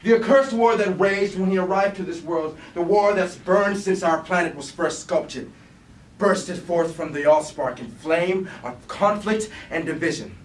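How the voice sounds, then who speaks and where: At a staged reading, a man plays a grave, war-weary robot warrior leader haunted by guilt, speaking in a solemn, declamatory Greek-tragedy style with a sorrowful, brooding mood. His voice is high and a little slow, recorded from far off in an echoey room with hiss.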